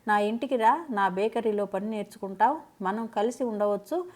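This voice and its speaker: A warm-hearted young woman friend, tearful and pleading as she offers help, in a woman narrator's reading. She is a figure in a family storybook drama. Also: medium pitch, normal speed, lightly acted.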